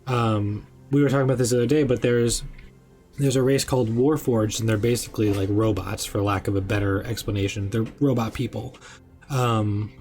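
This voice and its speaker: A young man who runs tabletop games, chatting casually on a stream with lots of fillers and excited asides. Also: on the low side, brisk, faint music behind. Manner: rambling, filler-heavy, excitable. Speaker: game master. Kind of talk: casual chat on a live stream.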